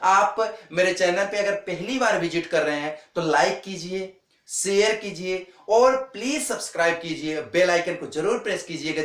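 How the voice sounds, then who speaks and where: A male teacher with a high voice gives an earnest exam-prep lecture. He repeats the key points and keeps calling his viewers friends. The sound is echoey, as if he were recorded in a bare room. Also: a bit bright.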